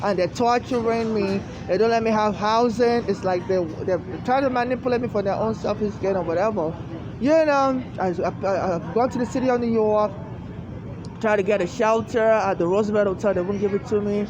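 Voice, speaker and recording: A woman from Africa giving a rambling, aggrieved personal monologue, halting and often repeating herself, outdoors in the rain. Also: medium pitch. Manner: repetitive, halting and restarting, aggrieved. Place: outdoors on a city street in the rain. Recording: noisy outdoor street with traffic.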